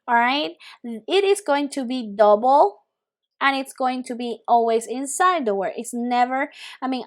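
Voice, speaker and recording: A woman's voice: high-pitched, fairly bright tone. A woman teaching Spanish pronunciation, patiently modeling sounds for students to repeat. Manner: slow and patient, drawing out sounds for repetition. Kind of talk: pronunciation lesson.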